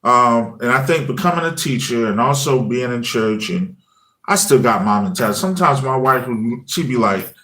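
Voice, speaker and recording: A man's voice: mid-range voice, moderate pace. A man in his forties in a casual, conversational telling of his story, with loose chatty phrasing and lots of "you know what I mean" fillers. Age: 40s. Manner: acts out his own past words in lively quoted asides. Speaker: former high school teacher and music channel creator.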